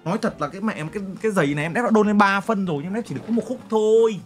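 A man's voice: sits high, racing, soft background music. A young man streaming, chatting casually with viewers in a brash, joking way full of crude slang while he reacts to photos and clips.

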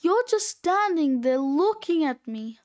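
A woman's voice: sits high, big pitch swings, measured pace, darkish tone. A woman reading aloud, voicing a stern, exasperated female schoolteacher. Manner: scolding, exasperated.

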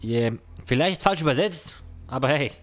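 A man's voice: fairly high pitch, lively intonation, moderate pace, faint music behind. A young man, reacting casually to comments on his own video, dropping slang and English phrases. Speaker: content creator.

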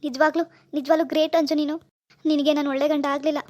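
Woman doing a sorry cartoon husband, high flat pleading voice, talks fast. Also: natural voice. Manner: pleading, apologetic, flat pitch. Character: remorseful husband pleading with his wife. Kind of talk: cartoon voice acting.

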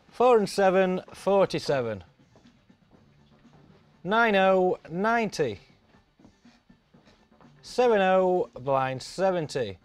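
High-pitched male bingo caller, slow delivery. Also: dry recording. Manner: sing-song, repetitive number announcing. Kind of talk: televised bingo calling with rhyming number patter. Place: TV studio.

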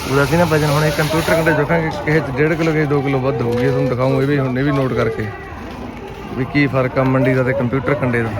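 A man's voice: mid-range voice, flat delivery, fast talker. A man with a Punjabi accent, a farmer narrating a casual vlog outdoors and chatting with those around him. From Punjab, India. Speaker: farmer and vlogger. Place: outdoors at a grain market. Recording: outdoor recording with loud engine noise. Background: loud vehicle engines and outdoor ambience.

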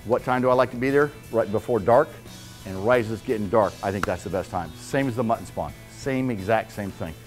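A fairly low-pitched man in his fifties talks a little fast, with soft music in the background. His casual, hands-on fishing seminar in a club meeting room is blunt and folksy. He keeps checking in with listeners by saying "okay?"

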